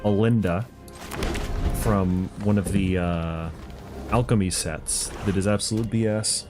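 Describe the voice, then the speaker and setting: Low-voiced, slow-paced man muttering through a game stream. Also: fairly even intonation. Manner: muttering, thinking aloud in fragments. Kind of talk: casual live gameplay commentary. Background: game music.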